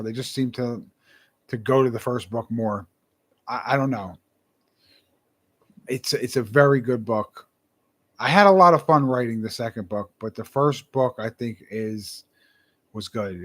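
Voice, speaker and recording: A man's voice: mid-range voice, a little slow, pauses often. A young man, a self-published author, talking casually and earnestly to camera, rambling and repeating his words.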